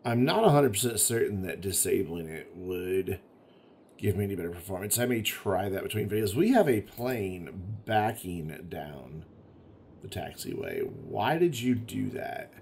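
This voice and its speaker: A man's voice: deep voice, very animated, a little slow, creaky, a little mellow, slight background noise. A man giving casual, chatty commentary while playing a city-building game, thinking aloud and grumbling at the game now and then. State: has the hiccups. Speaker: gaming video host.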